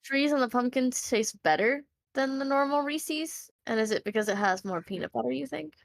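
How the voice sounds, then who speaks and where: A woman's voice: sits high, moderate pace, gravelly, no room sound. A woman co-hosting a podcast, giggling and asking playful questions in casual chat. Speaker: podcast co-host.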